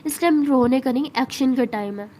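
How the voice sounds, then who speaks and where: A bold young best friend who teases brashly and jokes. A woman voices her while telling the story, with a high voice and light noise. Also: brisk, natural voice. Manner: teasing, brash.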